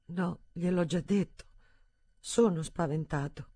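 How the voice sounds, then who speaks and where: A woman's voice: on the low side, a little slow, dark tone, no room sound, pitched above the performer's own voice. A woman voicing a frightened, tearful young man. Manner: pleading and fearful.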